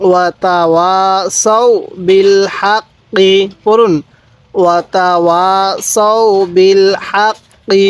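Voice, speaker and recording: A man from Bangladesh, teaching Quran recitation step by step, drawing out each syllable slowly and then explaining briskly. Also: high-pitched, clean tone, no echo. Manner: slow drawn-out recitation between brisk explanations.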